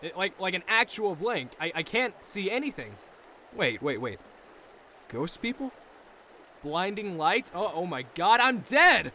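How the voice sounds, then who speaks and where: A man's voice: high voice, sing-song, measured pace, long pauses, pushed and bright, slight background noise, exaggerated voice. A man playing a dim-witted, cheerful soldier who talks in an oblivious, dopey way, in a comedic audio drama.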